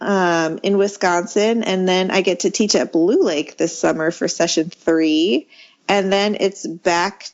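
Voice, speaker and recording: A woman co-hosting a podcast in casual chat, sounding sleepy and quick to laugh. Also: on the low side, fairly even intonation, dull audio. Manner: laughs readily while talking. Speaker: podcast co-host.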